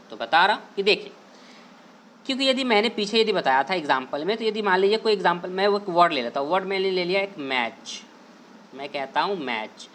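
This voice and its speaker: A man teaching a grammar lesson to students over on-screen slides. He asks a question, answers it himself, repeats the main points and drags key words out slowly. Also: sits high, bright, forceful tone, a little hiss or hum. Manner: drawls out key words slowly to stress them; addresses students fondly and directly. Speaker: online English teacher.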